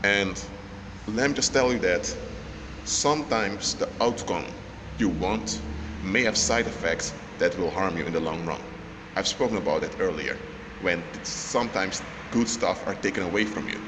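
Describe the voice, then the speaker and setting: Clear traffic noise sits behind this man's spoken teaching on faith. His voice is low, loud and emphatic, with halting restarts, and it lingers in a long reverberant tail.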